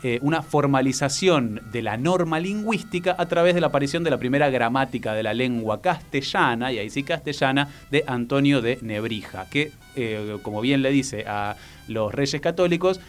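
A man with a Rioplatense Argentine accent speaks as a teacher, calm and methodical, pausing on little "eh" fillers as he builds his explanation. His pitch sits in a middle register. Faint music plays underneath. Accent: Argentine Rioplatense Spanish. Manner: patient, measured, frequent "eh" fillers and "¿no?" tags. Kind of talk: explanatory educational talk.

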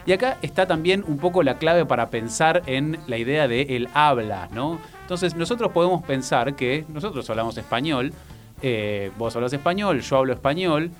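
A man with a Rioplatense Argentine accent speaks as a teacher, calm and methodical, pausing on little "eh" fillers as he builds his explanation. His pitch sits in a middle register. Faint music plays underneath. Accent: Argentine Rioplatense Spanish. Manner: patient, measured, frequent "eh" fillers and "¿no?" tags. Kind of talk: explanatory educational talk.

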